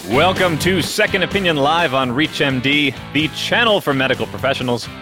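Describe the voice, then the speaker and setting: A man's voice: on the high side, lively intonation, normal speed, music in the background. A man co-hosting a medical radio show, reading health news with jokey, pun-filled banter. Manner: jokey, fond of puns.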